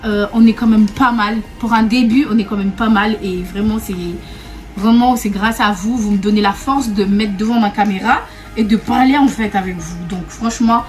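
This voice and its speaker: A young woman who grew up in Réunion chats casually to her viewers in a storytime vlog, speaking at medium pitch and normal speed with fairly even intonation over soft background music. Chatty and repetitive, she laughs often and keeps calling her audience "mes go."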